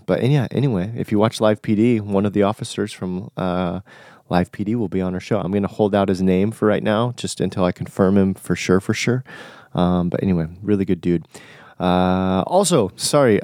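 A man's voice: low-pitched, normal speed, a little mellow, no echo, clean studio sound. A young man with a nasal, congested voice from a recent illness, talking casually and informally as a podcast host. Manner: informal, conversational, buddy-like slang. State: recovering from flu, stuffy nose. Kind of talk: casual solo podcast talk.

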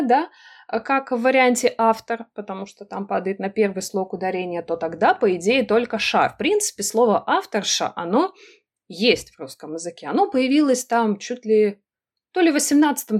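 Thoughtful woman explaining slowly with pauses. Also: a little high, a little mellow. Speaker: writer and literary editor, podcast guest. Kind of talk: conversational podcast interview.

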